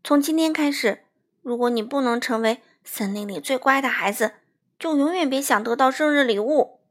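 A woman voicing a stern mother who scolds in a firm, loud voice. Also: a little high, very animated, normal speed, slightly rough, full character voice.

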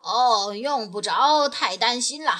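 A woman voicing a jolly, hearty god of wealth who speaks loudly in a storybook reading. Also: fairly high pitch, expressive, takes it slowly, soft background music, full character voice. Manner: hearty and loud.

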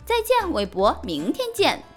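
A woman voicing a playful young female elephant in a children's story, with a lively, teasing delivery. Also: high voice, a little slow, soft background music, full character voice.

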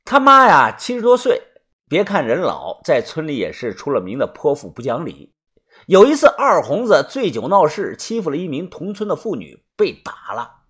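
Husky male storyteller with lively pitch. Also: moderate pace. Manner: chatty, sprinkles 啊 and 呢 fillers. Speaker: narrator. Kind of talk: first-person audiobook storytelling.

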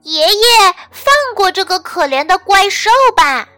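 A woman's voice: extremely high pitch, normal speed, bright, forceful tone, no echo, faint music behind, voice pushed up. A woman voicing a small, timid young male toad who eagerly admires his grandfather in a storybook tale. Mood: excited, admiring.

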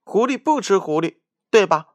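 A man voicing a small, frightened but clever male mouse in a children's storybook, with a high, squeaky, pleading voice. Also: lively intonation, normal speed, no room sound. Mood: alarmed.

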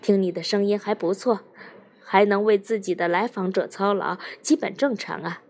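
A woman voicing a busy male psychologist on the phone in an audiobook, calm, brisk and reassuring. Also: sits high.

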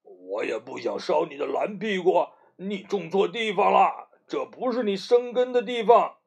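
A man's voice: sits high, animated, moderate pace, vocal fry, darkish tone, husky, heavily acted. A man voicing an apologetic fiery torch stump in a children's story. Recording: muffled lo-fi recording.

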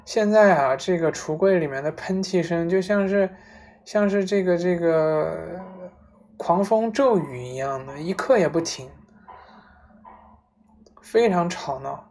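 A woman casually retelling a story aloud, relaxed, with frequent fillers and restarts. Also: on the low side, measured pace, a little hiss or hum.

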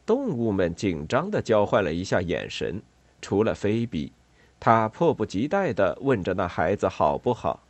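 A man narrating a children's storybook in a calm, even way. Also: lowish voice, moderate pace, dry recording.

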